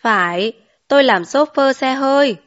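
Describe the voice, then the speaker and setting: A woman voicing a young man back from the city, a chauffeur, in an audiobook, relaxed and plain-spoken. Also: high voice, unhurried, pitched above the performer's own voice. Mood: boastful. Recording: dull lo-fi recording.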